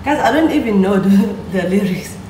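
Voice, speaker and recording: A woman's voice: medium pitch, lively intonation, normal speed, warm tone, echoey room, slight background noise, low-quality recording. A woman vlogger chatting casually to camera in her hostel room, self-mocking and swearing freely.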